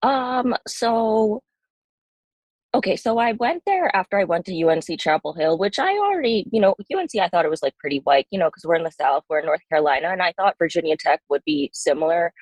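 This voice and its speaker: A woman's voice: fairly low pitch, sing-song, a little fast, a little mellow, no room sound. A woman in her thirties from Bangladesh, raised in New Jersey, talking casually as an interview guest, with lots of ums and likes and a matter-of-fact tone. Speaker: guest poet.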